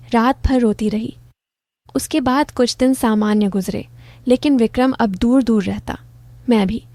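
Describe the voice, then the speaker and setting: A woman reading an emotional first-person story aloud, in a soft, intimate and confessional way. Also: fairly high pitch, no room sound, clean studio sound.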